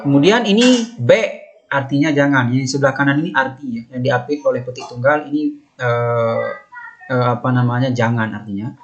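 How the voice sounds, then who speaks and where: A man teaching a recorded lesson, patiently explaining and repeating each term slowly while pointing at marks on a slide. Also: mid-range voice, lo-fi sound. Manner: patient, explanatory, with many fillers.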